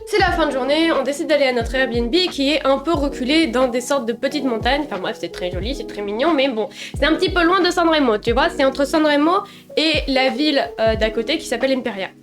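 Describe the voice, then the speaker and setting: A young woman vlogger telling funny travel mishaps in a casual, animated and self-mocking way. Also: high voice, moderate pace, music in the background. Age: young adult. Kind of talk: casual storytime.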